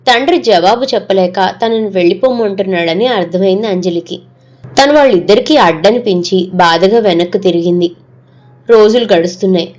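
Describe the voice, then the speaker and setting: A woman narrating an audio story in a steady, measured way. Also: mid-range voice.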